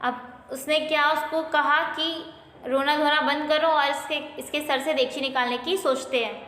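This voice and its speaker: A woman's voice: high voice, steady tone, unhurried, fairly bright tone, slight background noise. A woman teacher who reads a school play aloud and explains each line simply, repeating it for young pupils. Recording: roomy with long reverb.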